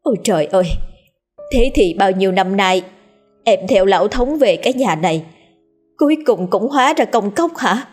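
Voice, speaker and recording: A woman's voice: on the low side, slow, slightly rough, faint music behind, full character voice. A woman voicing a flustered third wife who stammers and wails in distress. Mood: wailing. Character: panicky, tearful third wife.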